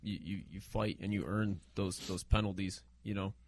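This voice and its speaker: Easygoing lower-voiced man co-hosting. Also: fairly even intonation, moderate pace. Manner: easygoing, agreeable, chiming in. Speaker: podcast co-host. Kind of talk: casual sports chat.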